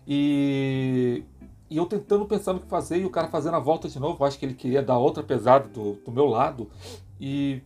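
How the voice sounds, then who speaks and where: A middle-aged Brazilian man and father telling a personal story in an emphatic, animated way, asking himself questions and making sound effects. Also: a little high. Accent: Brazilian Portuguese. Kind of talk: confessional storytelling to camera.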